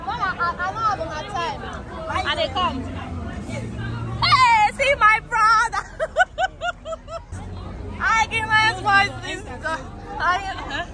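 A young Nigerian woman with a high, bright-pitched voice chats playfully on her phone vlog, drifting into Pidgin in her Nigerian accent. She takes her time with each phrase. Lively crowd chatter and street noise press in around her. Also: slow pace, pauses often. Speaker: travel and lifestyle vlogger. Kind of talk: casual vlog chat.

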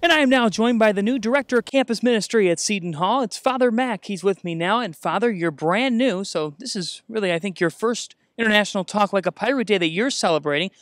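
Young man, campus reporter, high and animated, very dry recording. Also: fairly quick, few pauses, dry recording. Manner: enthusiastic, jokey, animated.

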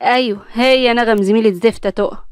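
A woman's voice: a little high, fairly even intonation, brisk, smooth, dry recording, studio quality, close to an everyday voice. A woman with an Egyptian accent voicing an angry, scheming middle-aged mother in an audio story. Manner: angry, scolding.

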